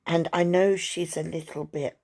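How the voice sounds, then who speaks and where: A woman's voice: lowish voice, fairly even intonation, normal speed, darkish tone. An older woman chatting at home to her viewers, rambling through a story with asides to her dog. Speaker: vlogger. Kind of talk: casual chat to camera. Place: at home, indoors.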